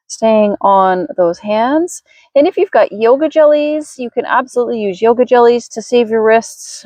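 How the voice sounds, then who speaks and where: Female yoga teacher, careful and unhurried, mid-pitched voice, guiding gentle movement in a dry recording. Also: dry recording. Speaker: yoga instructor. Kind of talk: guided slow gentle yoga class.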